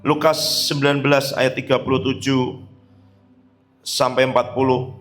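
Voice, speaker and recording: A male pastor from Indonesia reading scripture and preaching a church sermon, building to fervent shouted peaks. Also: mid-range voice, little pitch movement, a little slow, soft background music. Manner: reads scripture then preaches with rising fervor, shouting at peaks.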